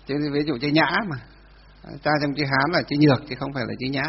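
A man teaching a class on Buddhist doctrine, dictating slowly, repeating each phrase for note-taking and asking his students questions. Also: medium pitch, steady tone, breathy edge. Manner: asks students rhetorical questions. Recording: dull lo-fi sound with long hall reverb.

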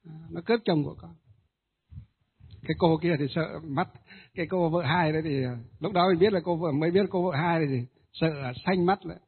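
A man, a Buddhist ritual master, tells a ghost story in a hesitant way, with many filler pauses. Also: fairly high pitch, slightly rough. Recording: tinny phone-like audio.

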